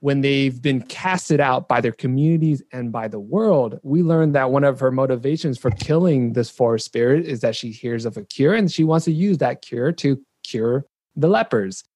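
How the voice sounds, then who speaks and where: A man's voice: medium pitch, animated, normal speed, a little mellow, no echo. A man hosting a casual podcast debate, earnestly making a long argument for his pick. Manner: earnest, argues a case at length.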